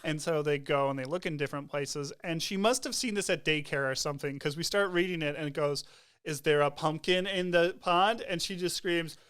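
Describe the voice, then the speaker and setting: A man's voice: fairly high pitch, fairly quick, fairly bright tone, clean tone. A man, co-hosting a podcast in casual chat, joking and teasing. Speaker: podcast co-host.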